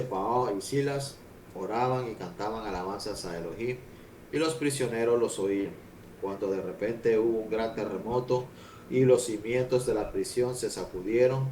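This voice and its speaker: Low-voiced man reading scripture from afar. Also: darkish tone. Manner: reads steadily with occasional stumbles and restarts. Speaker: Bible reader and discussion leader. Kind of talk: reading scripture aloud, then casual discussion. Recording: distant mic with noticeable background noise.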